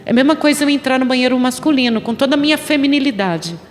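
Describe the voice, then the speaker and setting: A woman pastor delivers an emphatic sermon in a somewhat high voice, pressing her listeners with rhetorical questions. The sound rings with a long church-hall reverb over a faint room ambience. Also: fast talker, a little hiss or hum. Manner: storytelling, animated.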